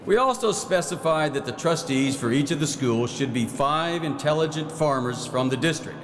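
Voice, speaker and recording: Onstage in a big, echoey hall with clear background noise, a male actor in a historical re-enactment portrays a folksy, proud 1909 Arkansas legislator with farming interests. His slightly high voice is animated and close to everyday speech at normal speed, as he tells stories in a plain-spoken, first-person monologue, full of pride and reminiscence.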